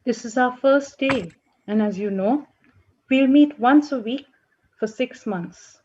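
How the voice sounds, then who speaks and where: An actress playing a calm group counsellor who speaks in a gentle, measured way and murmurs encouragement. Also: female voice, fairly high pitch, dull audio, slight background noise.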